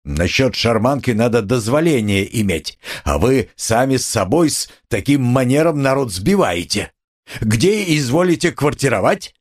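A man voicing a gruff, pedantic street policeman who speaks in an officious, formal way. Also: mid-range voice, very animated, normal speed, pitched above the performer's own voice.

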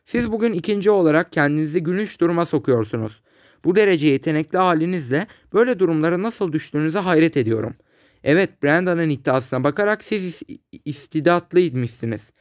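A man reading aloud, voicing a calm, self-assured young man who mocks his rival in a smooth, condescending way. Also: fairly high pitch, fairly quick, no room sound, studio quality, close to an everyday voice. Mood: mocking.

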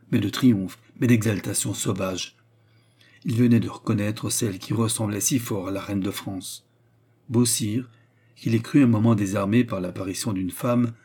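A man narrating a classic novel as an audiobook, in a measured, steady storytelling voice. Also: mid-range voice, breathy edge.

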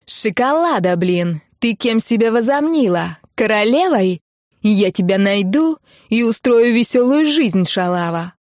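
A rude young woman hurls insults and threats down the phone in a coarse, yelling voice, dragging her words out slowly and heavily. A woman reader puts her on in a dry, close audiobook recording. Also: mid-range voice, sing-song, dry recording. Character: rude, furious young woman prank caller. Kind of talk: audiobook character voice.

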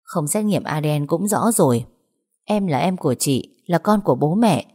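A woman's voice: sits low, animated, normal speed, dark tone, husky. A woman voicing an indignant elder sister who insists and confronts in an audio story. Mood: insistent, accusing.

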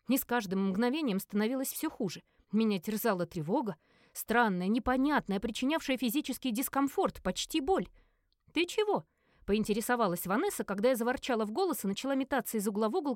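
A woman narrating a first-person audiobook in a lively acted reading, briefly giving each character a voice. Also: a little high, no room sound, studio quality.

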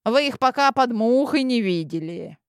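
A woman's voice: on the high side, expressive, moderate pace, smooth, no room sound, pitched above the performer's own voice. Lady doing a bossy little weasel guy, insolent and pompous, fantasy audiobook, dry sound. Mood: mocking. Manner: insolent, haughty. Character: cheeky, pompous male weasel familiar, small and bossy. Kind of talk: audiobook character voice.

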